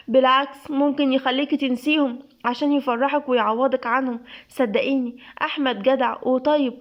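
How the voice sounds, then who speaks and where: A woman with an Egyptian accent voicing a young woman who comforts her friend with fast, fond scolding. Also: high voice, natural voice. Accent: Egyptian Arabic. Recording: dull lo-fi recording.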